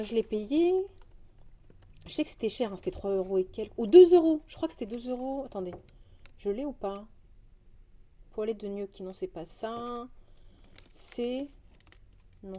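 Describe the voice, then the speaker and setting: Chatty French woman with mellow voice. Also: a little high, expressive. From France. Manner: chatty, rambling, quick to get indignant. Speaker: vlogger. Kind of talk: casual grocery haul vlog.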